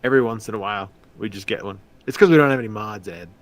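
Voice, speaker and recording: A man's voice: fairly low pitch, very fast. A man co-hosting a casual livestream chat about tabletop games, easygoing and joking. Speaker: podcast co-host.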